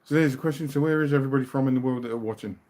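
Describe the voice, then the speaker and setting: A chatty British man hosts a casual live chat, reading viewer comments in a relaxed way and trailing off into quiet mumbles. He talks very fast in a mid-range voice.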